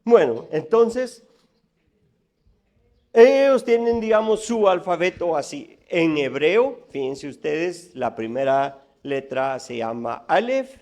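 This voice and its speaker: A male teacher lectures a room of students on mathematics. His voice sits a little high, and he speaks slowly and deliberately. He keeps putting questions to the audience and counting off numbers one by one. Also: animated, a little mellow. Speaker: math teacher giving a conference talk.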